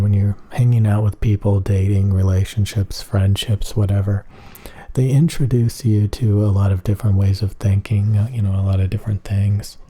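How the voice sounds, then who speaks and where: A man rambling in a flat, emotionless monotone for an ASMR video, with a husky voice. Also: on the low side.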